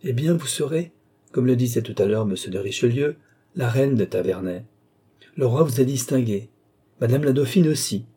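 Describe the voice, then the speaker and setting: A man's voice: medium pitch, moderate pace, warm tone, breathy edge, lightly acted. Man playing a scheming old baron. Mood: coaxing. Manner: ironic, coaxing, commanding. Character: vain, scheming old baron, ironic and domineering.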